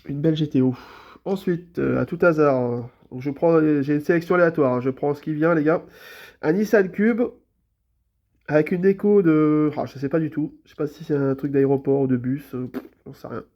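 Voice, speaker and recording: A man with a fairly high voice speaks at a moderate pace, with the highs cut off, in a show-and-tell vlog about his toy cars. A cold has blocked his nose, and his easygoing chatter is heavy with hesitations and repeated fillers.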